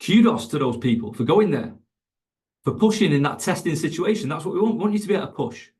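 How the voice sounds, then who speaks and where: A man's voice: a little high, expressive, quick pace, darkish tone. A man teaching coaches in an online webinar, emphatic and conversational, repeating his key points. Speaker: fitness coach educator.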